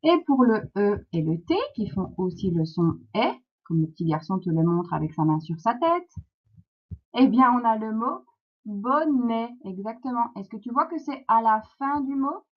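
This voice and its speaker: A woman with a French accent teaching a phonics lesson to young children, slow and clear, encouraging, sounding out words syllable by syllable. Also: fairly high pitch, big pitch swings. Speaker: primary school teacher. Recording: dull lo-fi sound.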